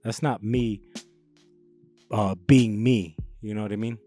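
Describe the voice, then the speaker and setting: A man's voice: lowish voice, fairly even intonation, unhurried, warm tone, soft background music. A young man from the Los Angeles area, hosting a casual chat, rambling with many restarts and plenty of swearing. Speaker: podcast host.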